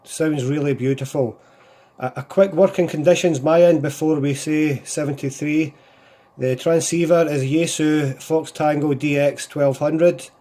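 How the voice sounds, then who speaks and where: A Scottish hobby radio operator chats during a casual contact, his slightly high voice very mellow and soft-edged. He speaks unhurriedly with fairly even intonation, repeating phrases and relying heavily on radio procedure words.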